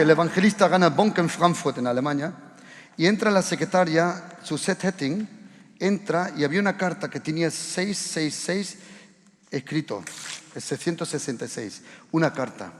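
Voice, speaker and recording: A male pastor preaching a lively storytelling sermon in a church, rising at times to shouts. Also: on the high side, long reverb tail. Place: church hall. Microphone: handheld or stand microphone.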